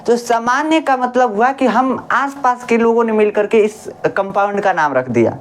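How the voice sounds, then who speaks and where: In a classroom-style lesson, a woman science teacher with a fairly high, animated voice explains things at a moderate pace. Her manner is chatty and homely, and she repeatedly asks questions, answers them herself, and repeats the key words.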